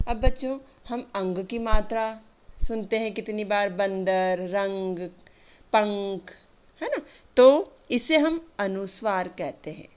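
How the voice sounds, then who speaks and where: A woman teaching a grammar lesson to children, patiently spelling out letters and sounds one by one over slides. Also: medium pitch.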